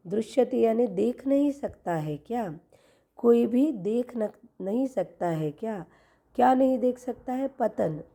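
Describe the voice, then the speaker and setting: A woman teaching Sanskrit word by word, explaining each term slowly in Hindi and English. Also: mid-range voice, dark tone. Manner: slow, explanatory, repeating each word's meaning.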